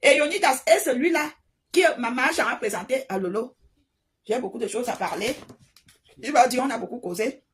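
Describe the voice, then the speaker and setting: Speaking at a moderate pace in a voice on the high side, this Cameroonian online commentator gives a passionate monologue. She's animated and repeats herself, frequently stammering and starting over.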